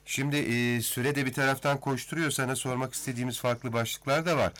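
A man's voice: medium pitch, steady tone, brisk, fairly bright tone. A man hosting a radio interview, friendly and chatty with his guest. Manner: friendly, addresses guest as teacher. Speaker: radio host.

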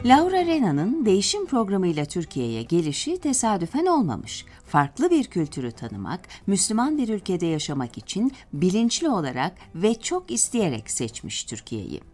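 A woman narrates a scripted documentary profile as the programme's presenter. Her medium-pitched voice swings very widely in melody, with light music behind it. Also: wildly swooping pitch, moderate pace, few pauses, darkish tone.

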